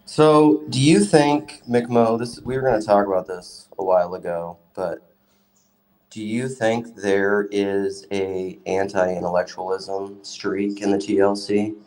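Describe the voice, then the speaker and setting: A man's voice: lowish voice, unhurried, darkish tone. A sick man chatting casually from a bathtub, his voice echoey, thinking aloud as he talks. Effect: echoey sound from a bathtub. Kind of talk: casual chat. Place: bathroom, in a bathtub.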